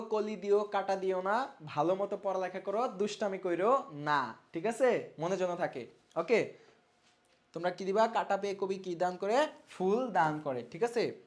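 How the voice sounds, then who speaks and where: Repetitive online tutor. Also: mid-range voice. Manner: drills answers by repeating words over and over; quizzes viewers and reads out their names from comments. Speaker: online exam-prep teacher. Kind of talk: live online revision class.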